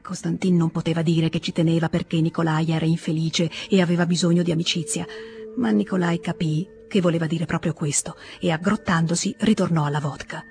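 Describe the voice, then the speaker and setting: Measured Italian audiobook narrator. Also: medium pitch, little pitch movement, darkish tone, faint music behind.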